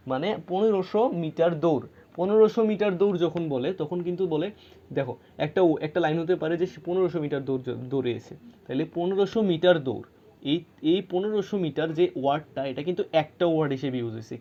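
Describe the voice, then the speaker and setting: A man walks students through a grammar lesson, pausing often to ask whether they follow. His voice sits a little high. The recording sounds muffled and lo-fi. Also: dark tone. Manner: explains patiently, checks in with rhetorical questions. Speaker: English grammar teacher.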